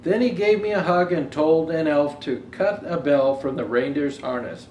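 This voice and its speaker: Reading a children's Christmas tale at normal speed, this man's fairly high voice turns expressive, growing louder for characters' lines as he slips in casual asides. There's a roomy echo and faint background noise.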